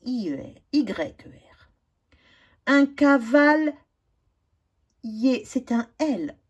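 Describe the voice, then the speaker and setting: A woman, a teacher slowly going over spelling exercises and spelling out letters one by one. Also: a little high, big pitch swings, warm tone, husky. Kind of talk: spelling lesson correction.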